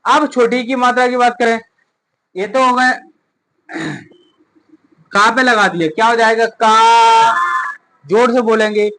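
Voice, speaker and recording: Slow and pausing often, a woman with a steady, somewhat high voice drills children on vowel signs in a Hindi phonics lesson. She's in a coaching classroom with a noisy background, and she asks questions only to answer them herself.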